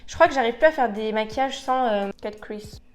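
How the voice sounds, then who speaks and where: A woman's voice: on the high side, brisk, soft background music. A young woman chatting casually through a makeup tutorial, slipping into English phrases and bursting into playful outbursts. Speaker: beauty vlogger.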